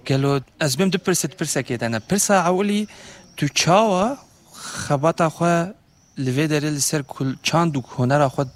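A man moderating a panel, asking questions in two languages with hesitant fillers. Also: fairly high pitch.

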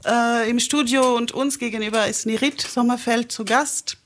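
A woman's voice: on the high side, fairly even intonation, moderate pace. A woman hosting a studio interview, asking questions in a conversational, slightly hesitant way. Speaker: host.

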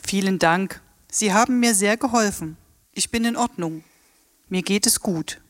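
A woman's voice: mid-range voice, a little slow, dry recording, clean studio sound, lightly acted. An actress playing a polite, formal Japanese woman tour guide in a radio play.

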